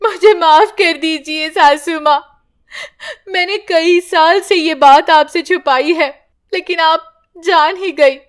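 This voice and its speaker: A woman's voice: very high-pitched, slow, pitched above the performer's own voice. A woman voicing a crying, ill daughter-in-law. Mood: remorseful, crying. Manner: pleading, apologetic.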